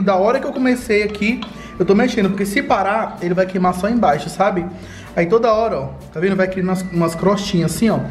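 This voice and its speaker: A man in his thirties, a cooking vlogger chatting casually to viewers in his home kitchen and checking in with "right?" as he goes. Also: high voice. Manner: chatty, talks to viewers with tag questions. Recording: echoey kitchen.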